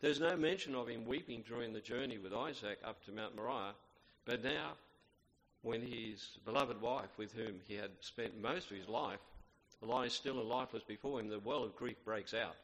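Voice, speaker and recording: A man preaches a sermon, reading scripture aloud in a measured, reverent way. His voice sits at a middle pitch. It rings out with the long reverb of a big hall. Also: fairly bright tone. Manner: measured, reverent, with fillers and restarts.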